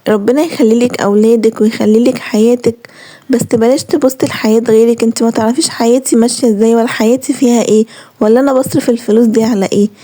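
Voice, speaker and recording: A woman's voice: fairly high pitch, fairly even intonation, fast talker, warm tone. A young woman with an Egyptian accent, talking earnestly to her viewers and scolding them directly. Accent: Egyptian Arabic. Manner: earnest, reproachful, lecturing listeners directly. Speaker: vlogger. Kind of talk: heartfelt talk to camera.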